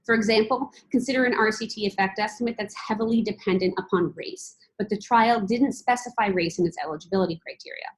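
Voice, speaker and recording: A PhD candidate, a woman with a mid-range voice, presents her research in a measured, formal and methodical manner. The recording quality is poor.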